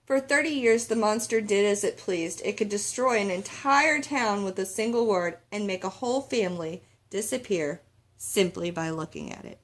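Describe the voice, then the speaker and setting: A woman reads a children's picture book aloud in an expressive storybook style, her voice mid-range and her pace moderate.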